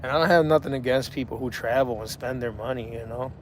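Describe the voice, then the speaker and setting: Talking fast in a mid-range voice, a man in his forties hosts a casual livestream, relaxed and greeting chat viewers by name. There's slight background noise.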